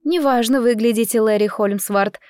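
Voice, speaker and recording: Женщина играет суетливую болтливую горничную. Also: female voice, on the high side, darkish tone, dry recording, studio quality, close to an everyday voice. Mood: worried. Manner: quick folksy chatter, fussing and exclaiming. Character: bustling kind-hearted female chambermaid, chatty and fussy.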